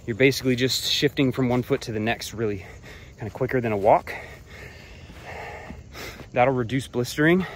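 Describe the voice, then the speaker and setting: A man vlogging hiking tips while walking a trail outdoors, relaxed and a bit profane, talking between breaths. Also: medium pitch, a little hiss or hum. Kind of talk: casual talk while hiking. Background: crickets and insects.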